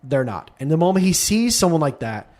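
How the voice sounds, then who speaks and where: A man co-hosting a podcast, casually retelling a guest's story in an animated way. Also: a little high, quick pace. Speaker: podcast co-host. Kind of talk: casual chat.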